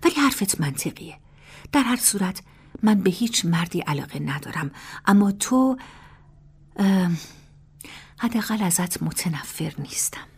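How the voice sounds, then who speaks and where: A woman's voice: lowish voice, lively intonation, long pauses, a little mellow, slightly rough, exaggerated voice. A woman voicing a proud young female general who speaks in a cool, teasing, half-whispered way.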